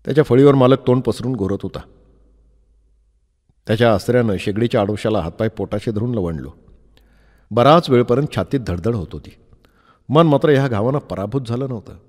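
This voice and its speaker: A man with a Marathi accent reading a first-person novel aloud as an audiobook narrator, measured and dramatic, acting out the dialogue. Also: mid-range voice, lively intonation, darkish tone, long reverb tail.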